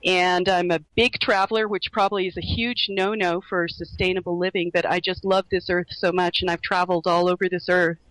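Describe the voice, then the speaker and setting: A middle-aged woman who grew up in Laos, a radio guest speaking earnestly and reflectively, with many pauses and restarts. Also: fairly low pitch, little pitch movement, fairly bright tone, dry recording, poor audio. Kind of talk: earnest conversation.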